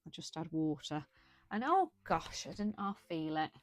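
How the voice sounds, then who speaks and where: A tired, yawning British woman hosts a colouring livestream, rambling chattily and correcting herself along the way. Her low voice is sing-song and at normal speed, recorded dry.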